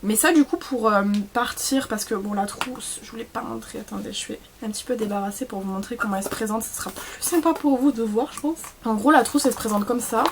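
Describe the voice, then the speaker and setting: A woman's voice: fairly high pitch, fast, hardly any pauses, noisy background. A young woman from southern France with a southern French accent, chatting casually through a makeup tutorial, rambling with many fillers and asides. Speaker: beauty vlogger.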